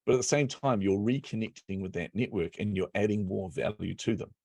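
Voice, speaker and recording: Deep gravelly man, lively storyteller. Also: brisk, no room sound. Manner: energetic storyteller, laughs often. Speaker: podcast guest, business coach. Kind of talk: casual interview chat.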